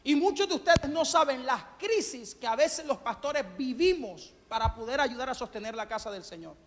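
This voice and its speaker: Male pastor, sermon, high voice, fervent and questioning, hall reverb. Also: lively intonation, normal speed. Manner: fervent, questions the congregation and calls for amens. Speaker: pastor preaching to a congregation. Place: church hall at a Sunday service. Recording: long church-hall reverb.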